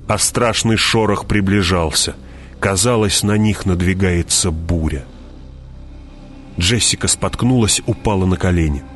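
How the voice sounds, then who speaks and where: A man narrating an audiobook in a measured, dramatic way, dropping his voice and slowing down at tense moments. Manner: measured, drops voice low and slows on tense moments.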